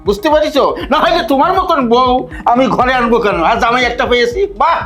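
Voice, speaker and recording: Guy doing a fed-up grumbling father-in-law, quick and up and down. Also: very high voice, animated, a bit bright, soft background music. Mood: exasperated. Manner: exasperated, complaining. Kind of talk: comedy short film acting.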